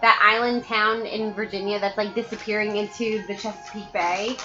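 A woman's voice: mid-range voice, steady tone, normal speed, bright, forceful tone. A woman co-hosting a podcast in casual chat, rambling through stories with many fillers and curses. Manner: rambling, full of "like" fillers, swears. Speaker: podcast co-host. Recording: roomy, dull sound. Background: music.

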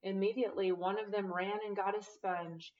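A woman reading scripture aloud and adding her own explanations, in an earnest, measured way. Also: medium pitch, little pitch movement, a little mellow, far from the mic, lo-fi sound. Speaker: Bible teacher.

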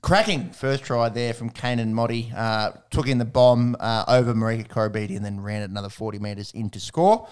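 A man's voice: mid-range voice, steady tone, brisk, few pauses, clear, resonant tone. An Australian man hosting a casual sports podcast, recapping in a slangy, blokey way.

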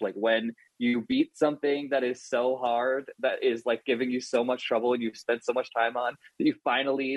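A man's voice: mid-range voice, dry recording, poor audio. A man guesting on a podcast as a front-end engineer, chatting casually and poking fun at himself with lots of "like". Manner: chatty, self-deprecating, lots of "like".

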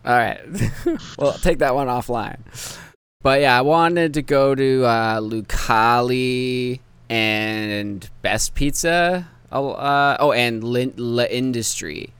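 A man's voice: medium pitch, slow, fairly bright tone, clear, resonant tone, no echo. A man hosting a podcast in casual chat, laid-back, laughing often and trailing off mid-sentence. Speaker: podcast host.

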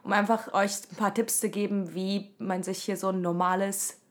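A woman with an average-pitched voice and a mild cold. She co-hosts a casual podcast in an informal, conversational way, dropping English words into her talk. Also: flat delivery, normal speed. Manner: informal, peppered with English terms. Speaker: podcast co-host.

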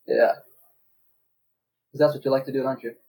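A man's voice: mid-range voice, level tone, normal speed, darkish tone, breathy edge, rough recording. Laid-back young man teasing a friend. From Arizona, US. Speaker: podcast co-host. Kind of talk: casual chat.

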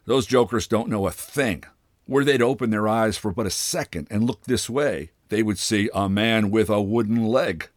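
A man voicing a bitter, pompous old father with a wooden leg, speaking with sardonic, drawn-out mockery in a storybook reading. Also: lowish voice, no room sound, studio quality, close to an everyday voice. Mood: scornful.

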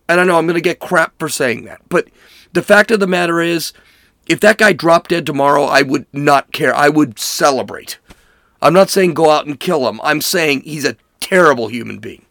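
A man's voice: a little high, vocal fry, fairly bright tone, no room sound, clean studio sound. A man giving angry, emphatic political commentary, hammering points through repetition. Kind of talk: ranting commentary.

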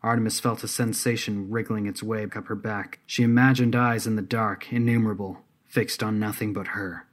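A man narrating a scripted story in a steady, measured way. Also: lowish voice.

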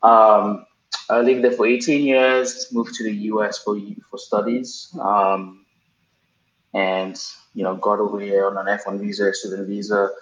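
A Cameroonian man in his thirties recounts his story casually as a podcast guest, with plenty of ums and restarts. His fairly low voice is level, a little slow and a bit bright. The remote recording sounds roomy and dull, with faint noise.

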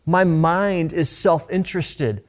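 A man's voice: a little high, slow pace. A man preaching a sermon as a pastor, earnest and conversational, often restarting his phrases.

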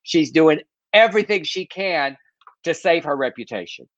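A man's voice: on the high side, animated, moderate pace, no room sound. A man co-hosting a casual chat show, campy and sassy, often stumbling over restarts. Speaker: podcast co-host. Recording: dull, dry lo-fi sound.

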